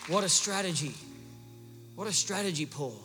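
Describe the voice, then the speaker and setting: A man's voice: high-pitched, lively intonation, normal speed, big-room sound, over music. A male pastor preaching a sermon in a large church, with emphatic repeated refrains.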